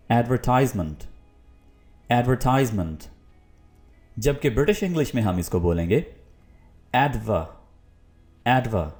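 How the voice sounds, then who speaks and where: A man, teaching English pronunciation in a video lesson and explaining patiently, repeating each word slowly. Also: mid-range voice, mellow. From Pakistan.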